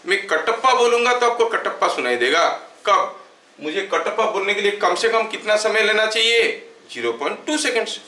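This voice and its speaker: A bright, slightly high-voiced man lecturing a class, often asking whether students follow and dictating notes word by word. He sounds far from the mic in a roomy space, with a faint hiss behind him. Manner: asks the class frequent check questions, dictates notes slowly. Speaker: physics teacher. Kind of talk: classroom lecture mixing Hindi and English.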